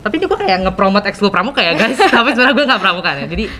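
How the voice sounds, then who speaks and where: This teenage boy from Jakarta hosts a laid-back podcast interview, talking in slang with lots of fillers and hesitation. His delivery is sing-song and rapid-fire, against clear background noise and a low rumble.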